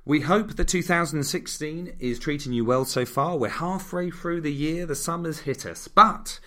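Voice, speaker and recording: A man's voice: fairly high pitch, normal speed, bright, forceful tone. A man from the UK hosting a casual history podcast, posing questions theatrically and teasing his co-host. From United Kingdom.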